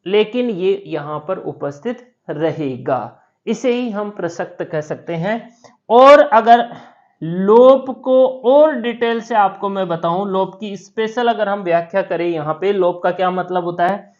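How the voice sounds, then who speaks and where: A woman teaching a grammar lesson, explaining each rule slowly, repeating key terms and asking the class questions. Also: mid-range voice, highs cut off. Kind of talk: classroom lecture.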